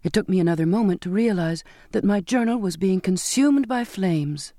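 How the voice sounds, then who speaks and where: A man narrating a first-person story in a measured, even way as an audiobook reader. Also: sits high, no echo, clean studio sound.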